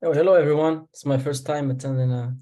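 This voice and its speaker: A man from Morocco asking a hesitant question on a video call, with many pauses and fillers. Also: fairly high pitch, steady tone, dark tone. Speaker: caller.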